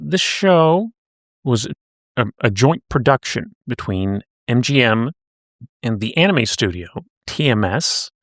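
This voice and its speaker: Podcast host recapping cartoons, dry sound. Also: male voice, medium pitch, very animated, takes it slowly, a bit bright, dry recording. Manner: recapping in a conversational storytelling way. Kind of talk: casual podcast chat.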